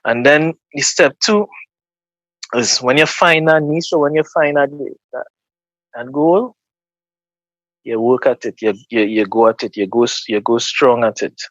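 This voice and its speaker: A guest from Trinidad and Tobago, a man with a Trinidadian accent and a medium-pitched, fairly bright voice, talks a little slowly in an interview. He's earnest and casual, often repeating words while gathering his thoughts, on a dry, lo-fi recording.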